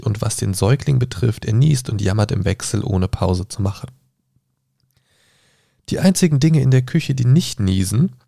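Low, gravelly male gamebook reader. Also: warm tone, dry recording, clean studio sound. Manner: hesitant, muttering asides while leafing pages. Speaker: podcast host reading a solo gamebook. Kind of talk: reading aloud and thinking out loud.

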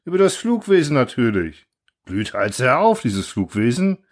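A man's voice: on the high side, very animated, a bit bright, voice pushed up. A man doing a clumsy rambling guard. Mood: earnest rambling. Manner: halting, rambling, full of fillers. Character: bumbling male airfield guard, eager, clumsy speaker.

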